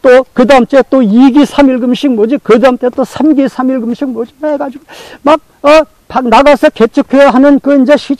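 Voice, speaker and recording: High-voiced emphatic male preacher. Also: no room sound, rough recording. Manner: repetitive, emphatic preaching, repeating phrases for effect; colloquial, animated storytelling with acted-out quotes. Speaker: pastor. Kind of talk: sermon.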